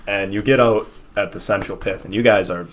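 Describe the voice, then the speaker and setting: A man narrating a tabletop game as game master in an informal, halting, improvised way. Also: on the low side, fairly even intonation, a little hiss or hum.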